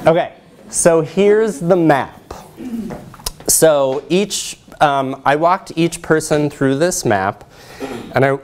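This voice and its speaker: In a lecture room with slight background noise, a man in his thirties stands by the projection screen presenting his social work research. His mid-range voice is darkish, and his conversational style includes short tag questions to check in with the audience.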